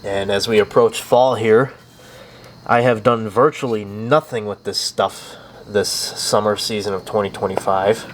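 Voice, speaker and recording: Tired, low-voiced man in his garage. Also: fairly even intonation, measured pace, background noise. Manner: tired, offhand, dry joking. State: tired and congested from allergies. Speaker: channel host. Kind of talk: casual garage vlog. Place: home garage.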